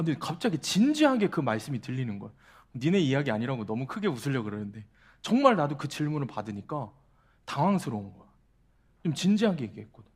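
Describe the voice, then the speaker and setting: Guy pastor preaching to young adults, lively up and down voice, kinda high, keeps firing questions at the room. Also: gravelly. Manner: animated, asks the congregation repeated questions; tells a humorous personal story with quoted dialogue. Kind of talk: sermon to a young adults service.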